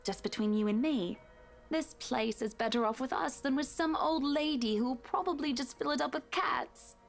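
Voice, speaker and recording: A woman's voice: high voice, normal speed, creaky, voice pushed up. A woman voicing a snobby, sweetly condescending rich woman in a game playthrough.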